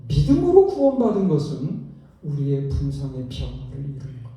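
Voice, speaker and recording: A man's voice: medium pitch, huge pitch swings, normal speed, mellow. A male pastor preaching a sermon in a church, asking the congregation rhetorical questions. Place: church sanctuary. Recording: echoey church hall, distant mic.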